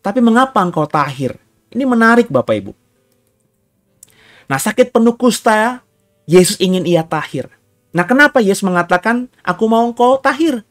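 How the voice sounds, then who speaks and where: A man's voice: high voice, very animated, normal speed, pauses often, a bit bright. A man pastor preaching a sermon, reading scripture aloud and acting out the cries of the people in it. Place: church hall.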